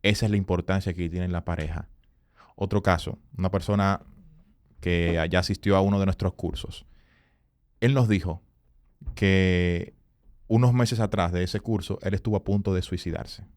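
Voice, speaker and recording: Man, podcast guest, low voice, earnest emphatic storytelling, dry sound. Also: fairly even intonation, moderate pace, long pauses, a little mellow, no room sound. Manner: earnest, emphatic storyteller who rises in pitch for quoted voices. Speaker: guest, communication consultant and speaker.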